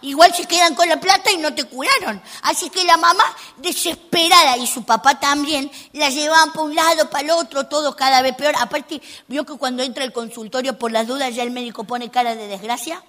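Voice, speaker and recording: Brief: woman comic as a sassy little girl, high, bright, indignant asides. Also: a little fast, few pauses. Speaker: stand-up comic in character. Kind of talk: comic monologue.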